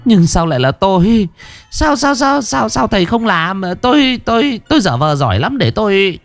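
Gã đồng bọn hèn nhát, giọng the thé, nói lắp bắp hoảng hốt. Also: male voice, high voice, very animated, moderate pace, creaky, faint music behind, pitched above the performer's own voice, full character voice. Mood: protesting. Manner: stammering, panicky. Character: cowardly stammering male accomplice.

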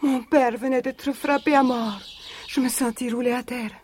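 An actress in a 1980s radio drama playing a young woman who was once a captive, telling her story in a measured, solemn way. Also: high-pitched, steady tone, a little mellow, breathy edge. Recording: vintage radio recording.

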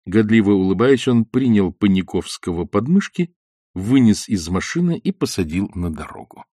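A man giving an expressive, theatrical audiobook narration of a novel. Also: lowish voice, moderate pace, dry recording, clean studio sound. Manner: animated, theatrical reading. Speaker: audiobook reader.

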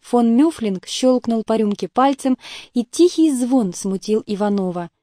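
A woman narrates a literary novel with measured, even storytelling. Her voice is warm and mellow yet pitched fairly high, recorded dry and close with no room sound. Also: no echo. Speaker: audiobook narrator.

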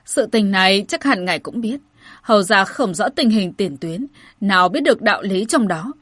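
A woman reads the part of a soft-spoken old steward who patiently explains things to calm an angry general, her tone placating. Her husky voice sits in the mid range and moves at a moderate pace, recorded dry and close.

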